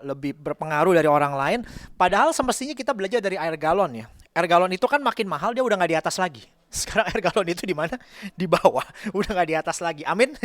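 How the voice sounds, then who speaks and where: A man preaching in a relaxed, joking way, with an easy chatty manner and frequent calls to the congregation. His voice sits a little high for a man, and the sound is dry and close with almost no room echo. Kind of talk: casual, joking sermon. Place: church service.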